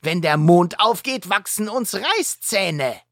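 A woman's voice: mid-range voice, expressive, slow, fairly bright tone, dry recording, clean studio sound, voice pushed up, full character voice. A woman voicing a howling, mocking werewolf kid who jeers at the heroes. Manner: mocking, jeering.

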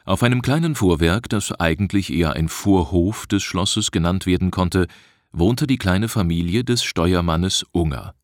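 Deep-voiced man reading an audiobook. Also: no room sound, clean studio sound. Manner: measured, deliberate reading. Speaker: audiobook narrator. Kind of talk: scripted narration.

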